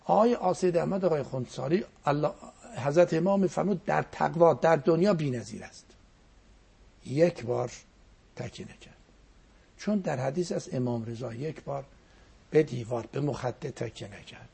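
A man's voice: a little high, creaky, mellow, husky. A man giving a reflective religious talk as a cleric, quoting verses and poetry as he goes.

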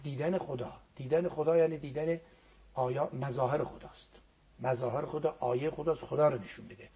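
Appearing as a guest, a man gives an earnest religious talk in a steady, dark, slightly rough voice of medium pitch. Arabic prayers punctuate his teaching, and now and then he almost whispers.

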